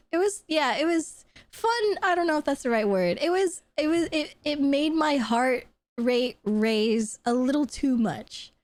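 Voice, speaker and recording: A woman streamer chats with her audience in a high, bouncy voice that swoops up and down as she gushes. Her laughs break into squeals, and she swears casually. The sound is dry and close. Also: no echo. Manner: excitable and gushing, squealing laughs, swears freely. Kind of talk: casual chat.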